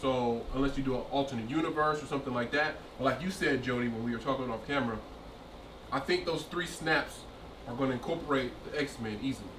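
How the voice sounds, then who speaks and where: Male co-host, mid-pitched, hesitant and rambling, captured from a distance in a roomy space. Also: fast talker. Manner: hesitant, thinks aloud with many fillers. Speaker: podcast co-host. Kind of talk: casual chat. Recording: echoey room, distant mic, faint noise.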